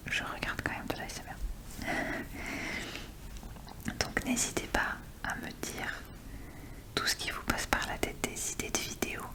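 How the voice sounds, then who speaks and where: A woman whispers right up by the listener's ear in a breathy, unvoiced voice. She talks in an informal, chatty ASMR show-and-tell style, keeping everything soft and intimate. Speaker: ASMR video creator.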